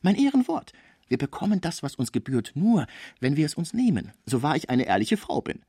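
A man's voice: medium pitch, big pitch swings, fairly quick, slightly rough, no echo, clean studio sound. A man voicing a scheming middle-aged concierge woman who nurses the sick, overwrought and indignant as she protests her honesty.

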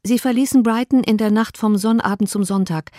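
A woman's voice: medium pitch, a little fast, dark tone, no echo, clean studio sound, lightly acted. A woman reading an audiobook, voicing a distraught, tearful young woman with a raised, pleading voice. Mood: anguished.

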